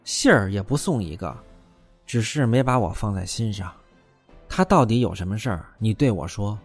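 A man voicing a jealous young concubine, sharp-tongued and pleading, as a storyteller. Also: fairly low pitch, animated, moderate pace, breathy edge, faint music behind. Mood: pressing.

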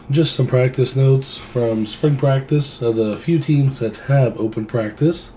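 A man hosting a casual sports podcast, with a raspy voice that sounds under the weather. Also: medium pitch, warm tone, slight background noise. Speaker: podcast host.

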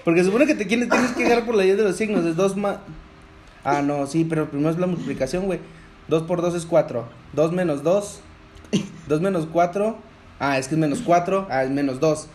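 A young man with a Mexican accent, slangy and laughing a lot while thinking his way through quiz questions out loud. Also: on the high side, a little fast, slight background noise. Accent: Mexican Spanish. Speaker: quiz taker. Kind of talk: casual chat.

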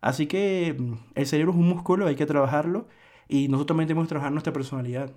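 A man's voice: a little high, quick pace, darkish tone. A man hosting a solo podcast, lecturing earnestly in a reflective monologue with frequent restarts. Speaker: podcast host.

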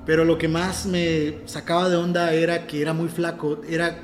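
A man's voice: fairly high pitch, little pitch movement, moderate pace, reverberant, slight background noise. A man from Mexico with a Mexican accent, telling a personal story in casual, earnest conversation and often restarting his phrases. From Ciudad del Carmen, Mexico. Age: adult.

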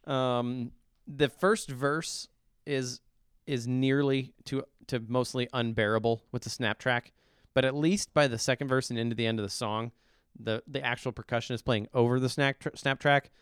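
A man's voice: mid-range voice, fairly even intonation, moderate pace, clear, resonant tone, no echo, studio quality. A middle-aged man co-hosting a podcast, giving blunt, opinionated song reviews in casual chat. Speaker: podcast co-host reviewing songs.

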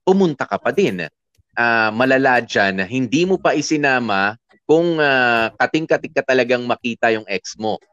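A man's voice: medium pitch, expressive, normal speed, fairly bright tone, clear, resonant tone, no room sound, muffled recording. A man hosting an advice show, chatting casually and reading listener comments aloud, with lots of filler sounds and English mixed in, nursing a sore throat. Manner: chatty, filler-heavy, mixes English into Tagalog. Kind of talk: casual chat.

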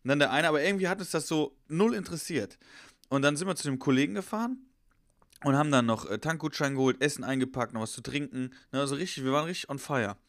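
A man's voice: fairly high pitch, quick pace, fairly bright tone, no echo, clean studio sound. A young man in casual chat, telling a rambling, slangy story and acting out the voices of the people in it.

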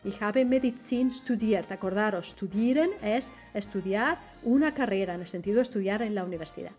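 A woman hosting a podcast language lesson. She spells out words and repeats example phrases slowly and carefully. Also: mid-range voice, darkish tone, faint music behind. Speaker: language teacher, podcast host.

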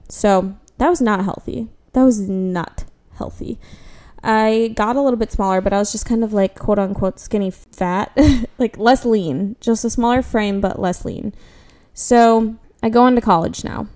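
Young woman vlogger, warm relaxed tone, candid chatty storytelling full of fillers. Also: mid-range voice. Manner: chatty, candid, self-deprecating, frequent "like" fillers. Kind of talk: casual personal storytelling.

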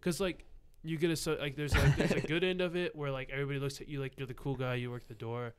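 A man in his twenties talks at an ordinary middle pitch, spinning loose stories with constant fillers. He swears casually and keeps a relaxed podcast-chat tone. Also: quick pace, clear, resonant tone. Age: 20s. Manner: rambling storytelling, packed with "like" and swearing. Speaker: guest, nightclub bouncer.

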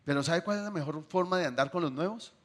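A man preaching a sermon to his congregation, asking them questions and swinging between loud bursts and soft, drawn-out phrases. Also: a little high.

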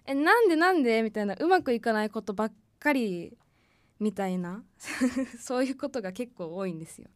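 A woman's voice: medium pitch, lively intonation, normal speed, dry recording. A woman of about twenty, an announcing student, chatting and giggling casually as a radio talk host. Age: 20s.

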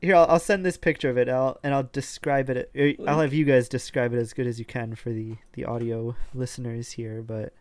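A man's voice: mid-range voice, steady tone, a little fast, few pauses. A man co-hosting a casual online chat show, talking loosely with many fillers and restarts. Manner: hedging, lots of "like" and restarts. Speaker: podcast co-host. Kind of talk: casual chat over voice call.

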